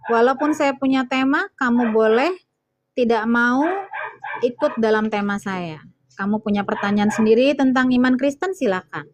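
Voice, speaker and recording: A woman's voice: sits high, background noise. A woman hosting a casual livestream debate, teasing and challenging her callers, laughing at them. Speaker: livestream host.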